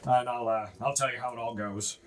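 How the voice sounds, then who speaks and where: Gruff dwarf man, as a game master puts him on, pitched well below the performer's usual voice. He rambles in a worn-down, overloaded way. Everything he says sounds grumbling and put-upon. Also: steady tone, brisk, natural voice. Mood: weary. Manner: gruff, rambling, sighing complaints. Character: gruff harried dwarf man, overworked and weary.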